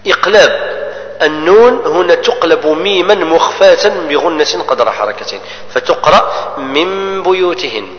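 A man teaches Quran recitation rules, explaining each rule and then chanting the verse slowly as an example. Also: fairly high pitch, fairly bright tone, lo-fi sound. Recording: echoey hall with long reverb.

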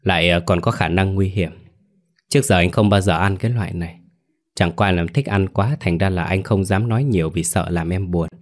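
A man's voice: low-pitched, fairly quick, close to an everyday voice. A man playing a scheming young husband who fakes tender concern and pleads. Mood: coaxing. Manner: falsely caring, pleading.

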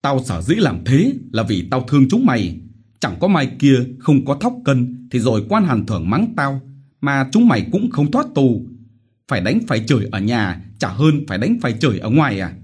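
A man voicing a brutal, bullying village chief who shouts threats and curses. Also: medium pitch, big pitch swings, normal speed, breathy edge, voice pushed up. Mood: threatening.

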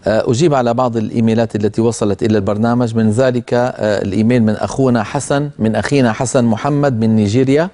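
Brief: man hosting a televised recitation lesson, mellow dark tone, patient and explanatory. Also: mid-range voice. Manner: calm, explanatory, slows down to demonstrate pronunciation. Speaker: Quran recitation teacher and program host.

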